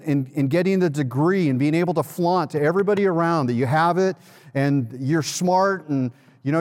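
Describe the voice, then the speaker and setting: A man's voice: fairly high pitch, a little mellow. A man preaching a sermon as pastor, earnest, often repeating words and calling the congregation to respond. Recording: long hall reverb.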